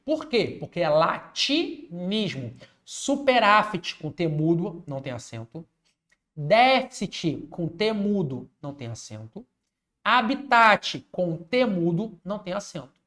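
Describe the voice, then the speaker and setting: A man's voice: high-pitched, sing-song, slow pace, a bit bright. A man teaching an online exam-prep class, repeating key rules, checking in often with viewers and joking with them. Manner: repetitive teaching with frequent check-ins; jokey, chats with viewers.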